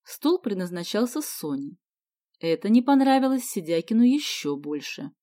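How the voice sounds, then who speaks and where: Expressive woman reading a children's story. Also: mid-range voice, normal speed. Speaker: narrator. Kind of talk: audiobook narration.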